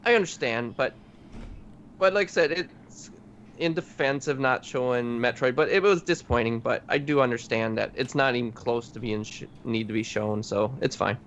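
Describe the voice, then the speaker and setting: A man's voice: medium pitch, moderate pace, fairly bright tone. A man co-hosting a casual podcast chat, easygoing and rambling, correcting himself as he goes. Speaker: podcast co-host. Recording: dull lo-fi audio with faint hiss.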